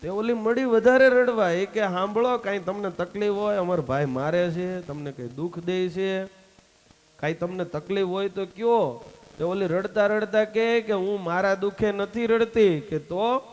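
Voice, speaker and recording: A man's voice: sits high, normal speed. A man giving a religious sermon, telling a folk story and acting out its dialogue. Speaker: swami giving a religious discourse.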